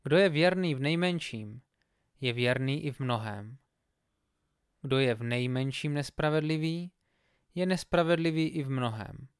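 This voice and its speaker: A man reads scripture aloud with measured, solemn pacing. His voice is smooth and resonant, at a middle pitch. The recording is close and dry, with no room sound. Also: dry recording. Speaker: Bible reader.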